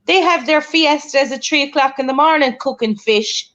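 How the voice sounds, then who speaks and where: A woman co-hosting a casual commentary chat, emphatic and quick to swear. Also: high voice, fairly bright tone. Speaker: co-host guest. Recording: dull lo-fi audio.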